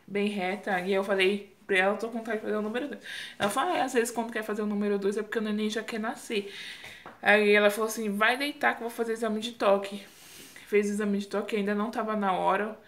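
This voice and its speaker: A young Brazilian woman speaks casually to her viewers, retelling a long labor in vivid detail. Her voice sits in a middle range, but she leaps up in pitch when she replays her own screams and pleas. The delivery is animated and candid, like an unscripted chat with friends. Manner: animated, acts out her own cries and quoted lines. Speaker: vlogger telling her birth story. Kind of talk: casual storytelling to camera.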